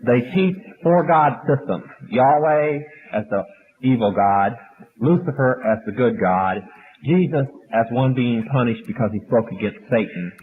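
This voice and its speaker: A man lecturing an audience and taking questions in a matter-of-fact, flat delivery, heard on an old archive recording. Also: mid-range voice, a little slow. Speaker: speaker at a question session. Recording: old tinny archive recording with faint hiss.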